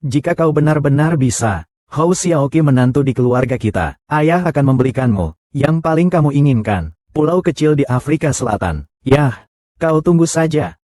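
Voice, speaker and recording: A man's voice: fairly high pitch, expressive, moderate pace, dark tone, no echo, clean studio sound, close to an everyday voice. A man voicing the characters of a dubbed short drama, with a scornful, confrontational delivery.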